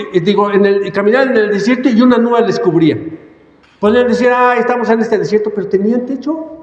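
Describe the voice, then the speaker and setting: High-voiced preacher in an echoing hall. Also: male voice. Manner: emphatic preaching, repeats words, coughs and apologizes. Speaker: pastor. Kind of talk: sermon. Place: church hall. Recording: echoey church hall, dull sound.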